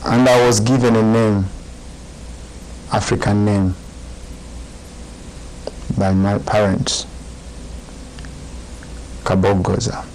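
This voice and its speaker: A man in his forties from Uganda, a Buddhist monk giving a calm, deliberate dharma talk in short phrases. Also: lowish voice, slight background noise, poor audio. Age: 40s. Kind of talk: slow, measured dharma talk.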